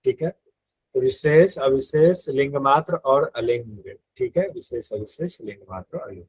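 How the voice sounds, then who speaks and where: A man's voice: medium pitch, lively intonation, unhurried, slightly rough, no echo, low-quality recording. A man teaching a live online yoga exam-prep class in speech, explaining step by step, repeating key terms and quizzing his students.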